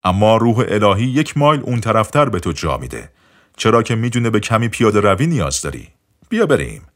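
A man voicing a calm male healing teacher who speaks patiently with light, wry teasing, in an audiobook. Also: on the low side. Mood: gently teasing.

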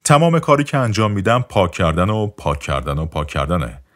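A man's voice: low voice, very animated. A man voicing a cheerful, serene male car salesman who speaks with a foreign accent, joyful and matter-of-fact, in an audiobook.

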